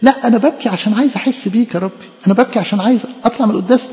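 In an echoey hall, recorded with dull lo-fi sound, a man preaches a sermon in an Egyptian Arabic accent. His voice sits high and is mellow, and he races along, impassioned and pleading, repeating phrases for emphasis.

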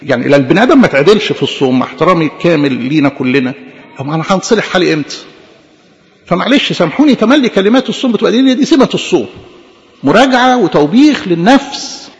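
An Egyptian priest with an Egyptian Arabic accent preaches quickly in a high, gravelly voice. He is animated, acting out brief imagined dialogues and repeating words for emphasis. The recording is dull and lo-fi, with the long echo of a church hall.

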